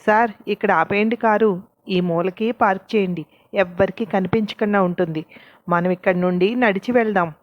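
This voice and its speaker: A bold, bossy servant woman in an audio storybook who mocks her captive, as a woman narrator plays her. She speaks with sharp sarcasm. The sound is dry. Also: medium pitch, fairly even intonation, brisk, no echo, lo-fi sound, natural voice.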